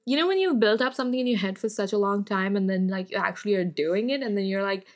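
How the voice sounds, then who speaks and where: A young woman from India, a guest and acting student chatting casually in an expressive, talkative way with quick laughs. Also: medium pitch. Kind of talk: casual podcast chat.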